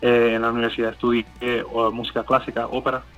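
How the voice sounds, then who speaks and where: A hesitant man from Miami, USA, gives interview answers full of fillers and restarts. English is his first language, and his accent is Cuban Spanish softened by Colombian. His mid-range voice is fast, a bit bright and completely flat, with soft background music.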